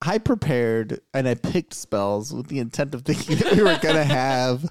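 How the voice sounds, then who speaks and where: A man playing a tabletop game, excitable and rambling, often laughing mid-sentence. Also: medium pitch, moderate pace, slight background noise. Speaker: player. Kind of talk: casual tabletop play.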